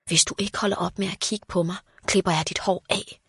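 A scared little girl who begs in a raised, pleading voice, as a woman reading a storybook puts her on. Her voice sits well above the reader's own, lifted and a little louder. The sound is dry and close. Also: fairly high pitch, no echo, pitched above the performer's own voice. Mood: whispered threat. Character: frightened young girl, pleading and fearful.

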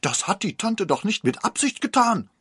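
A man voicing an indignant tipsy godmother who shouts in a shrill, raised voice. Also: big pitch swings, moderate pace, breathy edge, no room sound, clean studio sound, exaggerated voice.

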